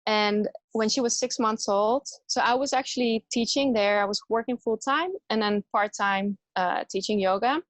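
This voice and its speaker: Woman from the Netherlands, yoga teacher guest, relaxed, laughs a lot, dry close sound. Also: fairly high pitch, moderate pace, hardly any pauses, dry recording. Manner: relaxed, chatty, laughs often. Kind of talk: casual interview chat.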